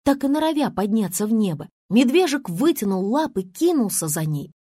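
Woman storyteller, breathy and lively; expressive children's story narration, dry booth sound. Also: moderate pace, no room sound. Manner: animated storyteller with big pitch swings.

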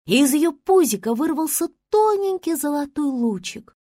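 Lady reading a kids story aloud, fairly high breathy voice, big swoopy delivery, dry close mic. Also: moderate pace, no echo. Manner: animated storyteller with big pitch swings. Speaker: narrator. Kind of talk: expressive children's story reading.

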